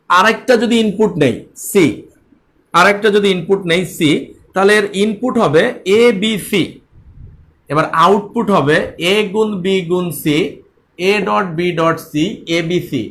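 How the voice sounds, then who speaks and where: A man's voice: high-pitched, measured pace, long pauses, fairly bright tone. A man teaching an online class in a Bangladeshi Bengali accent, repeating key points and speaking straight to his students.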